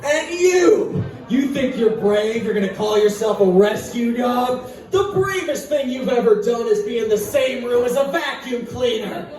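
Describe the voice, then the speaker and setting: A man voicing an indignant, boastful male rescue dog who rants and shouts with scorn, on a stand-up stage. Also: very high voice, lively intonation, unhurried, few pauses. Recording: echoey room from far off. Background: audience laughing.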